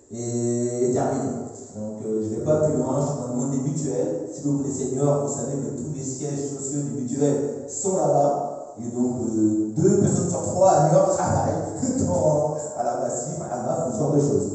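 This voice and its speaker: A man in his forties from western France speaks to a live audience in a friendly, plainspoken way. His voice is dark and mellow. It comes from across a large hall with long, booming reverb. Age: 40s. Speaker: presenter, insurance worker. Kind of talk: live public presentation. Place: large echoing hall, recorded from a distance. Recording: distant, echoey hall recording.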